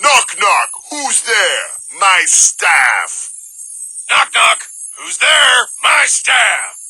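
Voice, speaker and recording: A woman voicing a brash, raspy cartoon creature hero delivering video game catchphrases. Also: mid-range voice, wildly swooping pitch, drawn-out words, pushed and bright, no room sound, full character voice.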